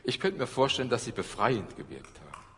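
A middle-aged man delivers a sermon in an earnest preaching manner, rising to loud emphasis and then dropping to hushed, low passages. His voice sits at an ordinary pitch. A long reverb from the church hall trails after every phrase. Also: very animated, fairly quick, slight background noise. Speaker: pastor.

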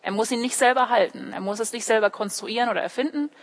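A young woman studying theology preaches at church, explaining things directly to listeners, voicing short quotes and using personal illustrations, her voice fairly high and quick. Born in California and raised in Heidelberg, Germany, she is a native English speaker. The hall is echoey with long reverb.

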